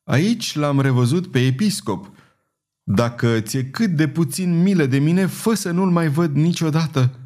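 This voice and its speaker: A man voicing a troubled woman fortune-teller who has lost her memory, speaking in a slow, murmuring, dazed way in an audiobook reading. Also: on the high side, animated, a little mellow, voice pushed up, close to an everyday voice. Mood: wistful. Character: wild-hearted madwoman, a wandering fortune-teller.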